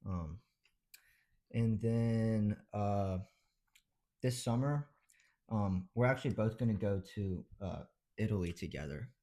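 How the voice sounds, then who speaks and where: A man's voice: fairly low pitch, slow pace, pauses often. A young man in his twenties from Georgia, a medical student chatting casually with many ums. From Georgia, USA. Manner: relaxed, easygoing, many ums. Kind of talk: casual chat.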